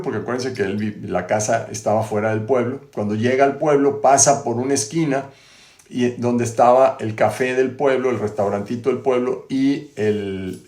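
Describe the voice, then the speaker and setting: A man's voice: medium pitch, darkish tone. A man, retelling a biography in a conversational way, full of tag questions and restarts, in a roomy-sounding recording. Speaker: host. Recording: roomy echo.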